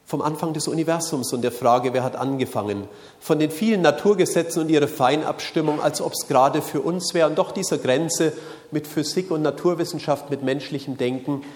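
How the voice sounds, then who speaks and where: A man giving a calm, earnest sermon to a live audience, repeating his key phrases. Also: mid-range voice. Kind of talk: sermon-style talk on faith and science. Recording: long hall reverb.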